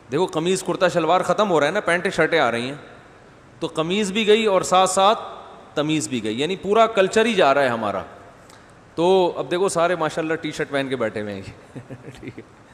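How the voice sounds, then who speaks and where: A man's voice: a little high, lively intonation. A man giving a conversational religious lecture to a gathering, slipping in humorous asides and asking the audience questions. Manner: humorous wordplay. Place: mosque gathering after night prayers. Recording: long hall reverb, faint background noise.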